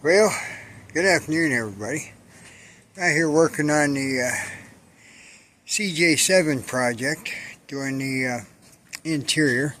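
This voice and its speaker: A man chatting casually in a DIY vlog about restoring his jeep, relaxed and rambling with many pauses, out in his garage. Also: on the high side, noisy background. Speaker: hobbyist vlogger restoring a jeep. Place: outdoor garage work area.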